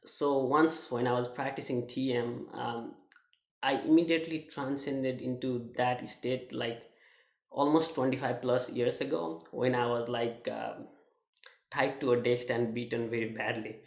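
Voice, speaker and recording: A young man from Nepal with a Nepali accent, sharing a personal testimonial in a halting way, with many fillers and restarts. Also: medium pitch, fairly even intonation, vocal fry, reverberant. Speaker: student sharing his experience.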